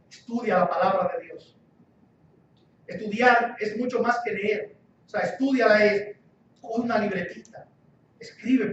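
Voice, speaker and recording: High-voiced pastor preaching in an echoey hall. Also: male voice, a bit bright, a little hiss or hum. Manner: emphatic, repeats key phrases, rhetorical questions. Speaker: guest pastor. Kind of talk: sermon. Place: church hall. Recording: echoey church hall, distant dull mic.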